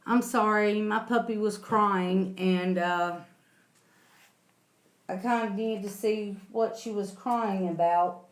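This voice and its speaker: A woman's voice: medium pitch, fairly even intonation. A woman hosting a casual livestream, chatting with viewers and calling them sweetie and honey. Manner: slow, homey, calls viewers sweetie and honey. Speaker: livestream host reading chat.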